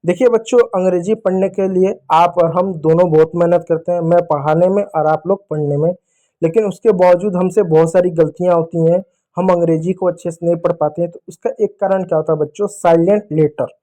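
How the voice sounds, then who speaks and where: A male teacher giving an English lesson to children, slowly spelling out words letter by letter and repeating them. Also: sits high, fairly even intonation, warm tone. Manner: slow, repetitive spelling-out of words.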